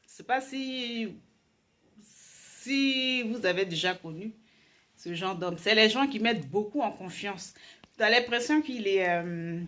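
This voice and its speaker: A woman's voice: medium pitch, a bit bright. A young woman telling a story time to her viewers in a casual, wry, amused way, with many fillers and restarts. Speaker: vlogger.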